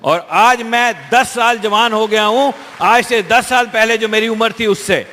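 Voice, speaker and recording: A man's voice: very high-pitched, unhurried, sharp tone. A man interpreting a speech live, fluent and conversational, with small restarts. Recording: long hall reverb.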